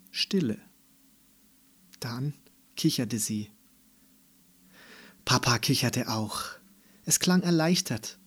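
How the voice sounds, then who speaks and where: A man narrating a story as an audiobook reader, calm and measured. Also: medium pitch, breathy edge.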